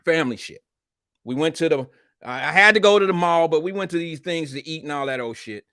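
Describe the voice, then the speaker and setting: A man with a fairly high voice hosts a casual livestream. He speaks with a retainer in his mouth, in blunt, slangy and profane chat aimed at his viewers. The sound is dry, with hardly any room on it. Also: a little fast, bright, forceful tone, clean tone, no echo. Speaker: live show host.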